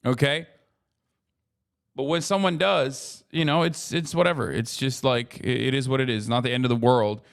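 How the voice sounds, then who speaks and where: A man's voice: mid-range voice, moderate pace, vocal fry. A man in his thirties, a streamer talking casually and profanely in a rambling way while reacting to a video. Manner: profane, rambling, frequent "you know what I mean".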